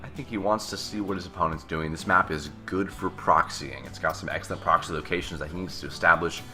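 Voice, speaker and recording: A man's voice: sits low, fairly even intonation, fast talker, pushed and bright, soft background music. A man giving joking play-by-play commentary on a strategy video game match. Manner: joking, banters with co-caster. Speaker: esports caster.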